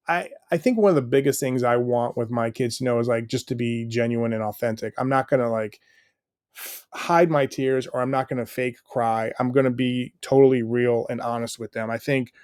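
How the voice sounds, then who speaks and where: Guesting on a podcast, this middle-aged dad from the United States stays at home with the kids and chats in a loose interview style, earnest and meandering, leaning heavily on filler words. He speaks in a mid-range, somewhat dark voice, recorded at studio quality without any room sound.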